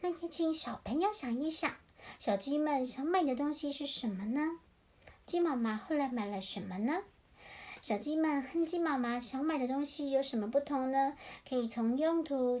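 Woman, high voice, gentle bedtime storyteller. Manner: gentle, singsong, addressing children. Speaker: parent storyteller.

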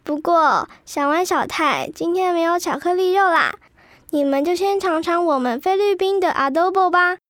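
A woman with a very high, animated, slightly bright voice speaks at a moderate pace, with no echo. For a children's educational radio drama, she plays a chatty, cheerful Filipino-Taiwanese schoolgirl who's proud of Philippine food. The mood is lively and eager to share.

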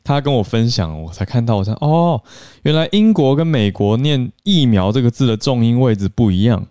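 A man hosting a podcast, chatting and explaining in a relaxed, filler-rich way. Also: medium pitch, a little fast, smooth, no echo. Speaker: podcast news host. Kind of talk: casual news and English-learning podcast talk.

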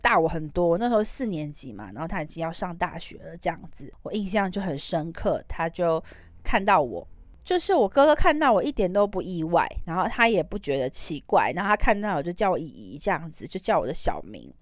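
On the low side and very animated, the host speaks fairly quickly, and the audio has no echo. With a Taiwanese Mandarin accent, she spins a chatty, rambling personal story on her podcast, sprinkling in trailing particles throughout the casual monologue.

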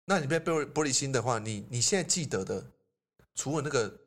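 A man speaks as a teacher on a casual podcast. He explains his points patiently, with frequent repeated agreements, at a moderate pitch. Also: animated, fast. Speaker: teacher giving advice on a podcast.

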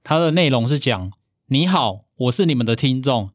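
一位带台湾口音的男性播客搭档主持，语气随性，像朋友聊天。. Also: male voice, medium pitch, animated, moderate pace, no echo, clean studio sound. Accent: Taiwanese. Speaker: podcast co-host. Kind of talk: casual podcast chat.

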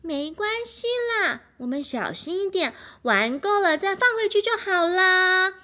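A woman's voice: extremely high pitch, expressive, unhurried, bright, forceful tone, pitched above the performer's own voice, full character voice. A woman voicing a mischievous, playful little kitten in a children's storybook, with a giggly, wheedling sing-song manner.

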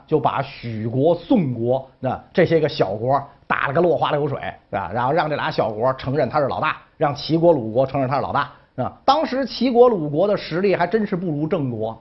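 A man's voice: fairly high pitch, slightly rough, muffled recording. A man telling history in a folksy, jokey way with many asides. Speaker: history storyteller. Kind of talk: casual storytelling.

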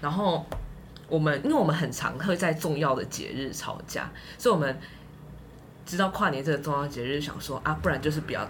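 A woman's voice: deep voice, a little fast, slight background noise. A woman with a Taiwanese Mandarin accent, a podcast guest telling a story in casual chat with lots of laughter. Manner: animated storyteller, laughs often.

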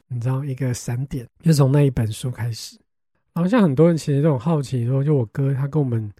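A young man with a Taiwanese Mandarin accent, hosting a podcast and telling family stories in an animated, exasperated way, swearing casually. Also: mid-range voice, no room sound, clean studio sound. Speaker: podcast host. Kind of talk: casual storytelling chat.

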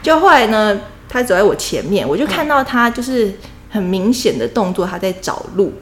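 A young woman, co-hosting a podcast and telling a story in casual chat, animated and self-deprecating with frequent laughs. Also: medium pitch, moderate pace, slight background noise. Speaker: podcast co-host.

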